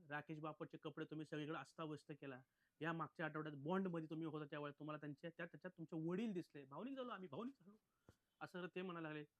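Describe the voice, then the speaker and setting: A man's voice: a little high, a bit bright, dry recording. A man giving a casual, opinionated recap of a reality show episode, talking bluntly and calling his viewers friends.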